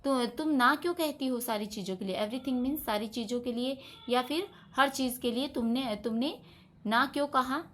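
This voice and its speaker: A woman teacher giving an online English lesson, reading story lines slowly and translating them word by word. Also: high voice, a bit bright.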